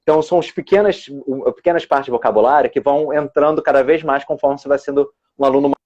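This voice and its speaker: Man teacher and examiner, mellow low voice, often restarts his sentences, dull lo-fi video-call sound. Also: fairly even intonation, quick pace. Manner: thoughtful, restarts words often while explaining. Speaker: English teacher and exam examiner. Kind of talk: explaining on a live video stream.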